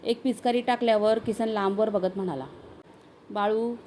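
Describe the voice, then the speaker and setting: A woman reading a short story aloud, steady and expressive as a storyteller. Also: fairly high pitch, moderate pace, slight background noise.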